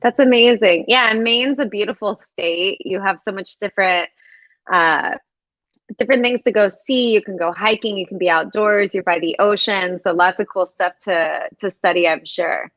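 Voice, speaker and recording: A woman's voice: mid-range voice, moderate pace, a bit bright, no echo, muffled recording. A young woman hosting a live stream over a video call, upbeat and chatty with lots of fillers. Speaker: host of a student live stream.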